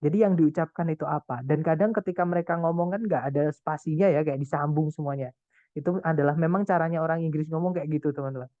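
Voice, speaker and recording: A relaxed tutor coaching students through test tips in a chatty, encouraging way, full of fillers and stray English phrases. The sound is thin and phone-like, and the audio is dry and close. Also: medium pitch, fast talker, dry recording. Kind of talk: online class lecture.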